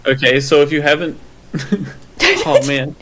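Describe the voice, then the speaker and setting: A man co-hosting a casual live stream, slow and teasing in how he talks. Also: on the high side, little pitch movement, background noise. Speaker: stream co-host.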